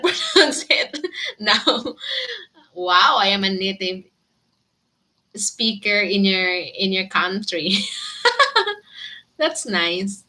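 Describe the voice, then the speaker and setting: A woman with a Filipino accent chats with her viewers in an unhurried way. Her voice is bright and clear, and she giggles easily as she answers each comment. She is in her thirties and sounds friendly and talkative. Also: mid-range voice. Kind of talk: casual live chat with viewers.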